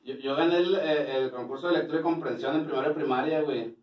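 A man with a northern Mexican accent tells stories in casual, animated slang, swearing freely. His voice is a little high, and it comes from off the mic in a roomy, echoing space. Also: fast, far from the mic, lo-fi sound. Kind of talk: casual joking chat.

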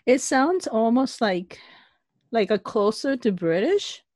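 A woman podcast host chatting casually with a guest, relaxed and quick to laugh. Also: on the high side, dry recording, clean studio sound. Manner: relaxed, laughs often, brief agreeing replies. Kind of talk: casual interview chat. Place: home studio, recorded in Canada.

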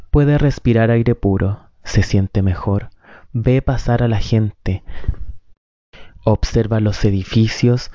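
Calm man narrating, mellow voice. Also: on the low side, no room sound. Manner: calm, measured storyteller. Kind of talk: scripted narration. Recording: dull, dry lo-fi recording.

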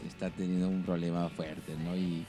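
A man with a Peruvian Spanish accent talks in a low voice, loose and slangy, with frequent swearing. He tells stories with laughter in casual podcast chat, and faint music sits behind him. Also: flat delivery, moderate pace, mellow. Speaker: podcast co-host.

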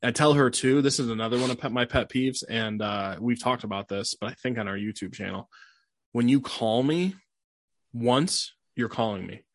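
A man's voice: medium pitch, moderate pace, dry recording, studio quality. A young man co-hosting a podcast, talking loosely and acting out other people's reactions. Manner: animated, acts out others' voices. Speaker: podcast co-host. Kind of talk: casual chat.

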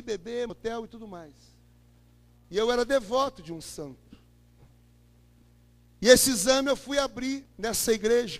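High-voiced, gravelly Brazilian preacher. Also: male voice. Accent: Brazilian Portuguese. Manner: emphatic, swings between loud declarations and low murmurs. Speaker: preacher giving his testimony. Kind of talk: impassioned testimony sermon. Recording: echoey hall with long reverb.

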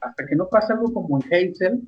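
A man's voice: sits high, expressive, brisk, husky, highs cut off, soft background music. A man with a Mexican accent hosts a casual sports talk show, speaking conversationally with many fillers and asides. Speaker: podcast host.

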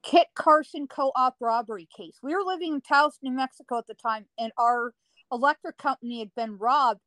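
A woman guest telling a personal story in an interview, slow and dramatic with drawn-out emphasis. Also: high voice, a bit bright, no echo, low-quality recording. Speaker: guest recounting paranormal experiences.

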